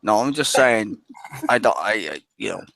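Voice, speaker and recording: A man's voice: on the low side, wildly swooping pitch, moderate pace, gravelly, fairly bright tone, no echo. Crude guy on a call. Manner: rambling, crude and profane, laughs often. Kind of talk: casual online hangout chat.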